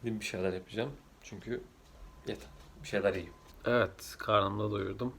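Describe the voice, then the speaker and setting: A drowsy man chatting casually in a rambling vlog, his voice rough from just waking up, with slightly muddled L and R sounds. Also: lowish voice, fairly even intonation, normal speed, fairly bright tone, a little hiss or hum. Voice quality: trouble pronouncing L and R sounds. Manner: sleepy, rambling, jumps between topics. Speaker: vlogger.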